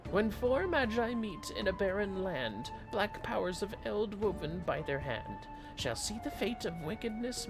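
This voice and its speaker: A fussy little kobold mage from a fantasy game, pitched high and lively. He is proud and emphatic, piling synonym on synonym. Music runs underneath. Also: full character voice, poor audio. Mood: portentous. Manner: compulsively repeats synonyms in threes. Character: fussy, excitable male kobold mage, proud of his ancestry.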